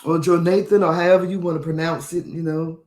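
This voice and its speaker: A man's voice: fairly high pitch, little pitch movement, quick pace. Indignant man reading news, echoey room. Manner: indignant, repeats phrases for emphasis. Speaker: podcast host. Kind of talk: reading and commenting on a news article.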